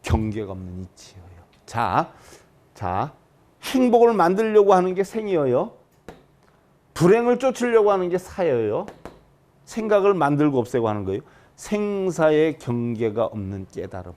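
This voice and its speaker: Lively, questioning male Buddhist lecturer. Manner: keeps asking the listeners rhetorical questions; sharp swings between loud high emphasis and soft low drops. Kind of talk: dharma lecture to an audience.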